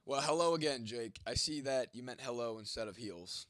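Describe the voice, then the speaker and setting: A man's voice: mid-range voice, moderate pace, a bit bright, dry recording. A young man hosting a casual livestream, rambling and swearing as he answers chat comments by name, with a sore throat and a cough. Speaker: livestream host reading chat.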